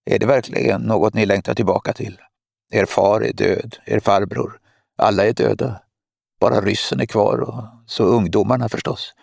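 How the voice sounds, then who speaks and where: Audiobook villainess, cold, mocking spymaster woman, read by a man, gravelly, close and dry. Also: lowish voice, fairly even intonation, darkish tone, no echo, full character voice. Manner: mocking, lecturing, menacing. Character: cold scheming woman spymaster, middle-aged.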